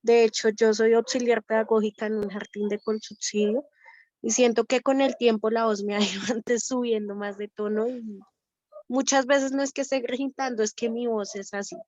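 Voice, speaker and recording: Loud-voiced Colombian woman on a dull call. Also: fairly high pitch, steady tone, normal speed, dry recording. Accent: Colombian Spanish. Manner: loud, hesitant, polite. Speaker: workshop participant. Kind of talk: casual speaking over a video call. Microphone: video call. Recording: dull, dry video call audio.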